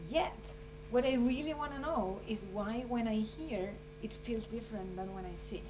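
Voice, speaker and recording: A woman from Chile speaks earnestly at a conference, winding through her thoughts. Her voice sits fairly high. She is picked up from some distance in the room, with a steady hum underneath. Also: normal speed. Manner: earnest, rambling, full of "you know" and "like". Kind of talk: informal closing remarks at a conference.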